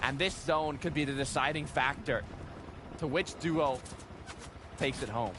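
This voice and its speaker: A man's voice: medium pitch, measured pace. A man giving live esports play-by-play commentary in short, punchy, suspense-building phrases. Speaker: esports caster. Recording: game gunfire and vehicle noise behind. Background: video game gunfire and ambience.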